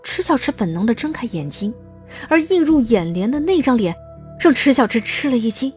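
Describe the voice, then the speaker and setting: A woman's voice: a little high, sing-song, moderate pace, soft background music. A woman reading scripted narration as the narrator of a dramatised audiobook.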